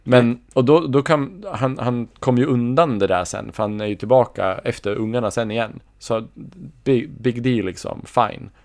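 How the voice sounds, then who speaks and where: A man co-hosting a podcast, musing about a film in a relaxed, casual way. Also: mid-range voice, few pauses, dry recording. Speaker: podcast co-host.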